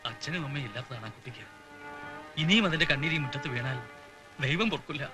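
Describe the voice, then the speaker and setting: A man's voice: mid-range voice, lively intonation, fast talker, over music, natural voice. An actor playing a grieving uncle who speaks tenderly to his niece and turns indignant with family elders, in a film with a background score. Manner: earnest, reproachful, rising to indignation. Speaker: uncle figure, Unnimaman.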